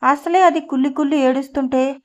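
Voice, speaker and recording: A woman's voice: high voice, steady tone, brisk, natural voice. Audio novel: woman playing a weary, stern middle-aged husband, curt delivery, lo-fi.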